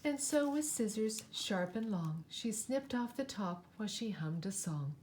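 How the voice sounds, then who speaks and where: A woman reading a picture book aloud to children in an expressive, dramatic way. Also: medium pitch, a little slow, slight background noise. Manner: animated, dramatic, with asides to listeners.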